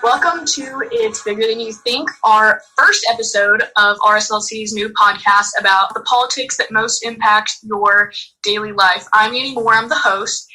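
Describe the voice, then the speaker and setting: A woman's voice: a little high, normal speed, pushed and bright, faint music behind, poor audio. A woman hosting a political podcast, chatty and upbeat as she introduces her guest. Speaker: podcast host. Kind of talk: podcast interview.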